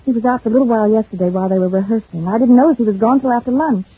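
A woman's voice: a little high, racing, breathy edge, dry recording. An actress playing an anxious, pleading young woman in an old radio drama. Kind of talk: 1950s radio drama acting. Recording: tinny old radio recording.

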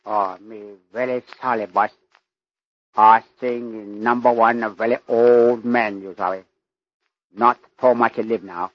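An actor playing a very old Chinese man, a humble, fatalistic servant who speaks halting pidgin English in an old radio drama. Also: medium pitch, fairly even intonation, no room sound, natural voice. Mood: resigned. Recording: dull lo-fi old radio recording.

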